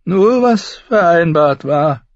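A man voicing a cruel, unstable young prince who mocks and threatens in a shrill, strained voice. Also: expressive, slow pace, no echo, dull audio. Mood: content.

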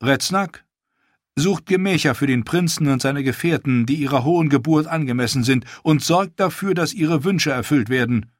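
A man reading an audiobook, voicing a proud young queen who speaks in a regal, measured way. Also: fairly high pitch, dry recording, studio quality, pitched above the performer's own voice, natural voice. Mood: commanding.

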